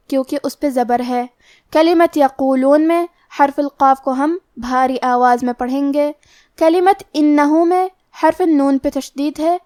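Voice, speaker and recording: A woman teaching the rules of Quran recitation, explaining each letter carefully and then reciting slowly. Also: sits high, a little mellow, no room sound, clean studio sound. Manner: careful, explanatory, slows right down to recite verses. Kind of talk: tajweed lesson with slow recitation.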